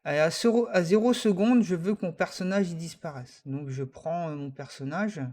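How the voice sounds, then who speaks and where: Homme hésitant qui explique un logiciel. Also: male voice, fairly high pitch, moderate pace, darkish tone. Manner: hesitant, many fillers, talks through each click. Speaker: software tutorial teacher. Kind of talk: screen-recorded software tutorial.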